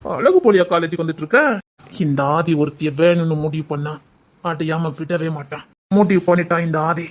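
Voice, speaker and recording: A woman voicing a scheming young rich college man in an audio drama, who talks gently and soothingly to win a girl's trust. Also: deep voice, fairly quick, pitched below the performer's own voice, lightly acted. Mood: gloating. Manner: soft, coaxing, falsely reassuring. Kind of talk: Tamil audio drama acting.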